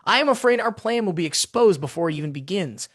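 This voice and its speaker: A man's voice: high voice, expressive, fast, a bit bright, dry recording, studio quality. A man voicing a scheming female senior disciple in a fantasy story recap, who plays sweet and innocent.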